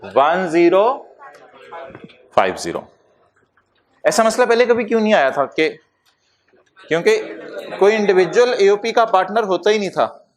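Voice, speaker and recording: A man lecturing a tax class, with lively asides and English terms mixed into his explanations. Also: high voice, normal speed, pauses often.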